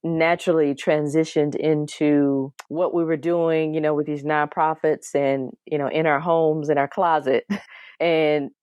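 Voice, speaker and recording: A woman's voice: deep voice, little pitch movement, unhurried, a little mellow, smooth, no room sound. A woman teaching artist talking casually in an interview, full of "you know" fillers. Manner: conversational, many "you know" fillers, laughs often. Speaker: guest, teaching artist and musician.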